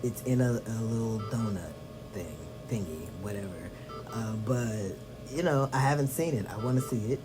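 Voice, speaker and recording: A man with a fairly low voice chats to viewers in a casual video diary. His delivery is subdued and tired, with phrases that trail off softly. Music plays clearly behind him. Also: normal speed, low-quality recording. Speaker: vlogger. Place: lying on back in a hospital bed.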